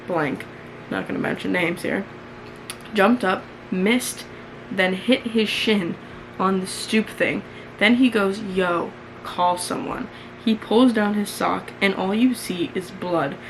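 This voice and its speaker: A woman's voice: mid-range voice, fairly even intonation, slow, a bit bright. A young American woman in her early twenties reads her old diary aloud in a candid, mildly embarrassed way, with chatty, sweary, self-mocking commentary. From New York, United States. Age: early 20s. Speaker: vlogger. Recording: clearly noisy room ambience.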